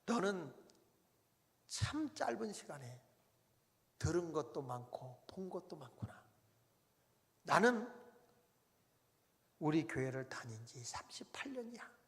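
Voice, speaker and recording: A male preacher voicing a tearful, devout older mother in a soft, half-whispered voice. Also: fairly high pitch, very animated, takes it slowly, long pauses, exaggerated voice. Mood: pleading. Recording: long reverb of a church hall.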